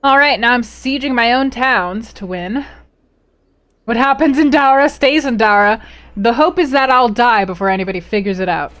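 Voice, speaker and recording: A woman's voice: fairly high pitch, moderate pace, a bit bright. A woman streaming a strategy game live. She reads the event text aloud, reacts with playful exclamations and talks to her chat.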